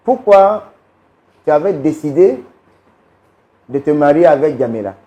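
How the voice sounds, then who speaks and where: A man speaking as a pastor on a talk show, asking a guest questions in a halting way with many fillers. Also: on the high side, lively intonation, mellow.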